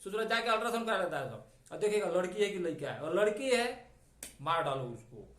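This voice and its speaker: High-voiced man teaching vocabulary. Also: animated, a bit bright. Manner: chatty, digressive, repeats key words slowly. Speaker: English teacher. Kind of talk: spoken vocabulary lesson. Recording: echoey room.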